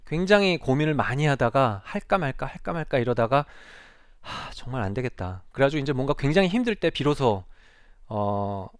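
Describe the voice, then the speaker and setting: Animated middle-aged man giving a lecture. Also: mid-range voice, a little fast, clean tone, no echo, studio quality. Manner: earnest and conversational, poses rhetorical questions to the audience. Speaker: psychiatrist giving a talk. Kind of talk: public lecture. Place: lecture stage.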